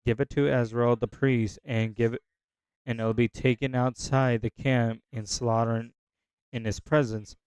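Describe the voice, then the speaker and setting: A man's voice: mid-range voice, little pitch movement, a little mellow, clear, resonant tone, no room sound, low-quality recording. A man reading a Bible passage aloud in a casual way, stumbling over hard words and restarting lines. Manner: unsure of hard names, pauses to check pronunciation. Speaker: scripture reader.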